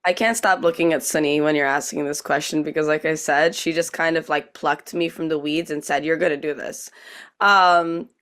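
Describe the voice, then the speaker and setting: An Indo-Guyanese American woman who serves as a priestess speaks earnestly and deliberately, sharing a personal account on a panel. Her voice is low-pitched and fairly bright, with fairly even intonation.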